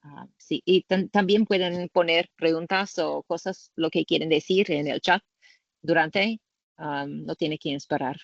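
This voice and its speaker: A woman presents informally in halting, unhurried and searching for each word. She is an English speaker. The sound is dry and a little dull, like an online call. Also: low-pitched, gravelly, dry recording. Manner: halting non-native Spanish, searching for words. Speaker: co-presenter at a patient-family webinar. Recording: roomless, band-limited online call audio.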